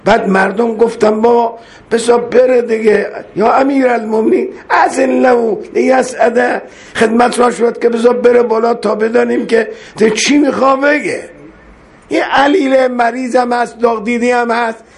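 A man's voice: very high-pitched, fairly even intonation. A man preaching a religious sermon, reciting Arabic verses and explaining them with impassioned, emotional delivery. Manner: impassioned, voice rising and breaking with emotion.

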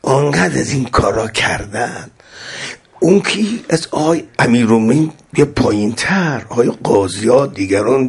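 A man preaching a sermon, telling religious stories with impassioned, rising pleas that drop low again. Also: vocal fry, breathy edge. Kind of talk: Shia sermon with storytelling.

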